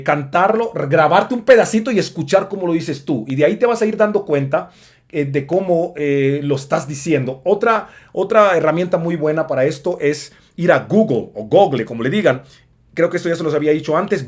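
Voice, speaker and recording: A man giving a casual spoken English lesson, chatty with lots of fillers. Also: fairly high pitch. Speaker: English teacher.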